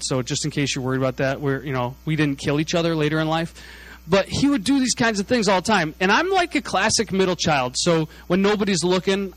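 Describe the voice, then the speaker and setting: High-voiced man telling a sermon story. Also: poor audio. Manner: animated, chatty, frequent "like" fillers.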